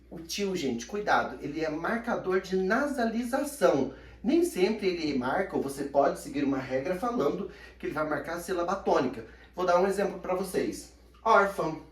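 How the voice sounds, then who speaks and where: A man's voice: high voice, far from the mic. A man teaching a Portuguese grammar lesson, who voices imagined student questions and stretches words out to stress their syllables. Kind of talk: recorded online grammar lesson. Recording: echoey room, somewhat off-mic.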